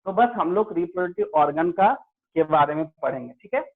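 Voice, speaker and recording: A man's voice: a little high, fairly quick. Man teaching over tinny online audio. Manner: explains in Hindi-English mix, quizzes students, repeats "ठीक है". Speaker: biology teacher. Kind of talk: online class lecture.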